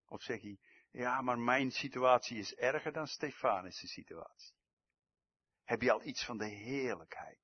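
A man preaching a sermon, swinging from loud emphatic outbursts to hushed, low passages. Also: husky, highs cut off.

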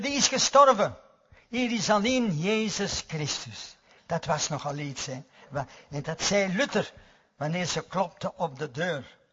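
A man's voice: sits high, a bit bright. A man preaching a sermon earnestly, repeating key words for weight. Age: 90s. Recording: dull, reverberant hall recording.

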